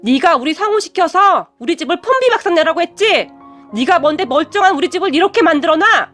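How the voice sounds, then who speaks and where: A woman voicing a furious, snobbish middle-aged mother who shouts with contempt. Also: high voice, animated, brisk, faint music behind. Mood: angry, scornful.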